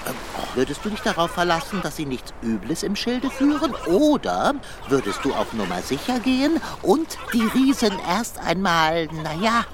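Performer as a fussy talking tomcat, wordy, wildly swooping pitch, noisy recording. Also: wildly swooping pitch, normal speed. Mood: reasoning. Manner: wordy, fussy, easily flustered. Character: talkative male tomcat with a tail.

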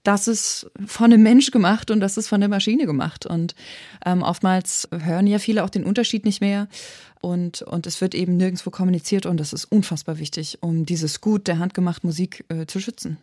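Her voice is lowish, warm and steady, delivered a little fast: a thirtyish composer and arranger from eastern Germany, reflecting thoughtfully in an interview while hunting for words and restarting often. The studio recording is clean and echo-free.

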